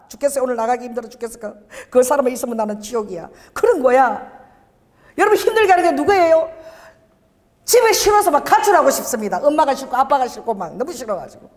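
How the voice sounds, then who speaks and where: An older woman pastor preaching a sermon, calling for responses from the congregation. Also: fairly high pitch. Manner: call-and-response preaching, animated. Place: church sanctuary. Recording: church hall reverb.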